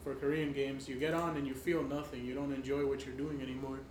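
A man speaking in casual podcast chat in a flat, subdued way. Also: medium pitch, fast talker. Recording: echoey room, clear background noise.

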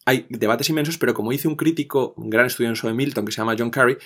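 A man of middling pitch talks through a classic poem for a podcast, animated and lively as he explains. He breaks off and restarts sentences while he thinks. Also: fast. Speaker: literature guest explaining a classic.

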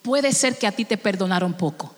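A woman pastor from the Dominican Republic preaching a sermon in short phrases, pausing for her interpreter. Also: medium pitch, animated. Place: church hall. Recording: long reverb of a large hall.

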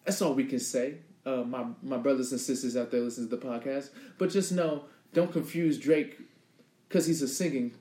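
A man's voice: mid-range voice, normal speed. Laid-back man in a roomy room. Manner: relaxed, laid-back, reels off lists. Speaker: podcast co-host. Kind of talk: casual chat. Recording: roomy echo.

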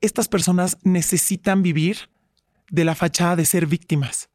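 A woman's voice: on the low side, steady tone, normal speed, a little mellow, dry recording, clean studio sound. A middle-aged woman, a guest giving earnest personal testimony and acting out past arguments. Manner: earnest, retells quarrels by acting out both sides. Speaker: interview guest.

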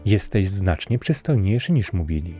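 A man voicing a gentle, wistful young princess in a soft, plain way. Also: low voice, big pitch swings, normal speed, soft background music.

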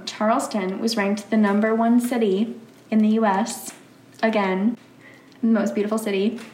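A young woman, a college student from the Philadelphia area, chatting casually as an interview guest, giggly and full of fillers. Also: mid-range voice. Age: young adult. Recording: roomy sound with faint noise.

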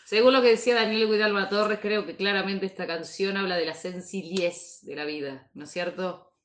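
Woman, mid pitch, earnest mock-formal commentary, roomy echo. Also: fairly even intonation. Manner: earnest, deliberate, with stock formal phrases. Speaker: panelist on a parody radio show. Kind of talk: mock-formal song interpretation.

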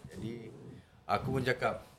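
A man's voice: mid-range voice, moderate pace, fairly bright tone. A man telling a casual story, repeating phrases and acting out both sides of conversations. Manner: repeats phrases, re-enacts dialogue. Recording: faint background noise.

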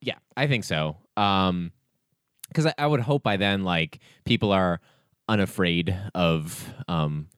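A man's voice: low voice, takes it slowly, fairly bright tone, smooth, dry recording, clean studio sound. A man, a teacher, chatting casually as a podcast co-host, rambling with fillers and restarts as he thinks aloud. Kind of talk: casual chat.

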